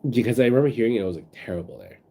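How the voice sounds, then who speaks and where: A man who is clearly sick streams casually, rambling, reading out viewer messages and filling gaps with ums and likes. His slightly low, mellow, soft-edged voice comes through a phone, and he speaks in expressive, rapid-fire bursts with a breathy edge.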